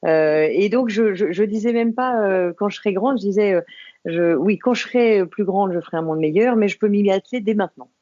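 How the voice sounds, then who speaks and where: A woman of about fifty from the Paris suburbs, a podcast guest talking about her life in a reflective, unhurried way, pausing and restarting often. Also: mid-range voice, warm tone, no room sound, highs cut off. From Paris suburbs, France. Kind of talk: podcast interview conversation.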